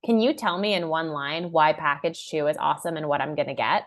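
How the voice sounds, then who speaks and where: Young woman, workshop presenter: low-ish voice, casual and upbeat, lots of "like". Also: brisk. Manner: upbeat and conversational, heavy use of "like"; acts out clients' and buyers' lines in a raised voice. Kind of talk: online class presentation.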